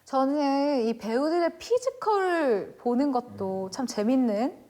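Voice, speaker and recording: A woman co-hosting a film talk show, chatting about movies in a lively, playful way. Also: high-pitched, measured pace, a little hiss or hum. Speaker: co-host, film reporter.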